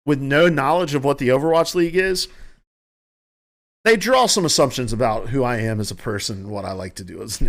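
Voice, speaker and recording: A fairly bright, medium-pitched male voice carries a strong Southern US country accent on this home-recorded podcast. The host rambles casually through his opinions, often stopping to restart what he was saying.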